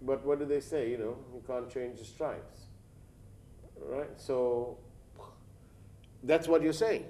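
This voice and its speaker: A man's voice: medium pitch, fairly even intonation, slow pace, long pauses, mellow, slight background noise. A man hosting a studio news interview, pressing his guest with challenging follow-up questions while he is losing his voice and coughing.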